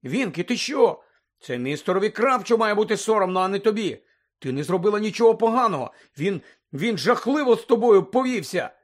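A man's voice: sits high, big pitch swings, fairly quick, voice pushed up. A man voicing an earnest schoolgirl witch who argues insistently, in an audiobook reading. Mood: indignant. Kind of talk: audiobook character voice.

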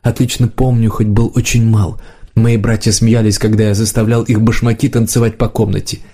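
A man voicing a powerful aging male court magician who mutters in a soft, bitter tone, in an audiobook reading. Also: lowish voice, level tone, normal speed, breathy edge. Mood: brooding.

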